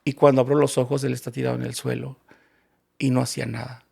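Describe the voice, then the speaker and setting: Man, guest storyteller in an interview, heavy vocal fry, plays out each quote in the story. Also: mid-range voice, quick pace. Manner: animated storyteller acting out quoted dialogue.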